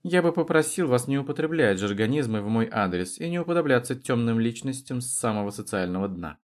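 A man's voice: medium pitch, expressive, brisk, close to an everyday voice. A man reading the lines of a haughty, prim young male student who speaks in a lofty, bookish way. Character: pompous young male student from teachers' family.

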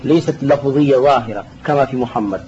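With a mid-range, slightly mellow voice and a quick pace, a male sheikh teaches Arabic grammar by explaining a text in class, patiently repeating key terms and answering questions from students. Faint hiss sits over the dull lo-fi audio.

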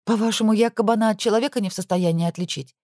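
A young woman lawyer in a spoken audiobook, pitched well up and quick to bristle, as the narrator puts her on. She protests and defends herself with lively, jumping intonation, heard in a dry, close recording. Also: slightly rough, no echo. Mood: indignant, flustered.

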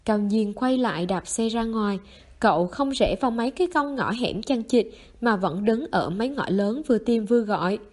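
Woman, audiobook narration, steady storytelling, fairly high pitch. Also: moderate pace.

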